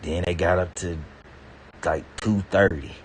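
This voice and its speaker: In an unhurried voice with fairly even intonation, a man vlogs a rambling rant full of swearing, stammers and repeated words. Once he gets indignant, his pitch spikes high. Slight background noise is audible.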